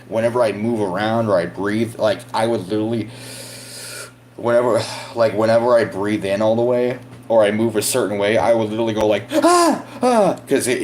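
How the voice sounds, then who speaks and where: A young man telling a long, profane story in casual vlog style, with lots of restarts, and loudly acting out his own screams. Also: fairly low pitch, slight background noise. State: recovering from illness. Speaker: vlogger.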